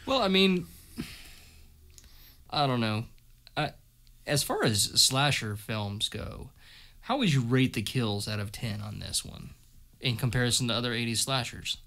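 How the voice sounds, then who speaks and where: Bright, giggly young male horror reviewer. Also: medium pitch, expressive, a little slow, gravelly, long pauses. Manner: giggly, enthusiastic, laughs often. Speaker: co-host, horror film reviewer. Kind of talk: casual review chat.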